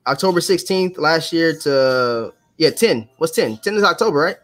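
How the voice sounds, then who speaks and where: A man's voice: on the high side, lively intonation, moderate pace, a bit bright. A man in his twenties chatting on a video call, loose and slangy, hesitating with fillers. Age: 20s. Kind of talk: casual group chat on a video call.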